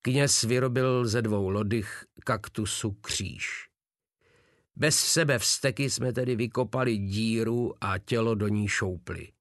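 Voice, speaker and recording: A man's voice: fairly low pitch, a bit bright, no echo. Man narrating an audiobook, dry sound. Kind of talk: first-person audiobook narration.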